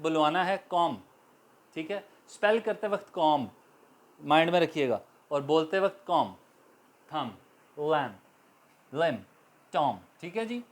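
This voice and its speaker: A man giving an English grammar lesson, speaking slowly and deliberately, spelling words out letter by letter and repeating examples for learners. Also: fairly high pitch. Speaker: English teacher. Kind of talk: classroom-style grammar lesson.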